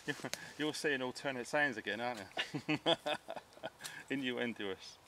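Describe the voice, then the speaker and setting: A man's voice: mid-range voice, takes it slowly, noisy background. A British man chatting casually outdoors in a blokey, jokey, slangy way while trying out gear. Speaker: outdoor bushcraft vlogger. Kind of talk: casual chat while testing a knife. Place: outdoors among trees and undergrowth.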